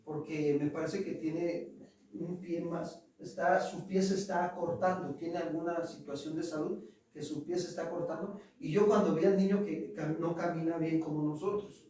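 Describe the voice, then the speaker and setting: A man's voice: on the high side, steady tone, normal speed, warm tone. A male pastor with a Mexican accent, preaching conversationally and asking the congregation rhetorical questions. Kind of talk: sermon. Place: church hall. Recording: very echoey hall, far from mic.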